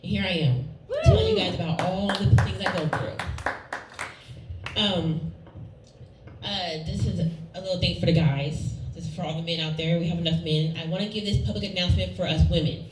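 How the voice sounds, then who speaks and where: A woman's voice: fairly low pitch, animated, moderate pace, a little hiss or hum. Woman doing stand-up, heard from far off. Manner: conversational, self-mocking storytelling. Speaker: stand-up comic. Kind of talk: stand-up comedy set. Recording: roomy, distant mic with faint ambience.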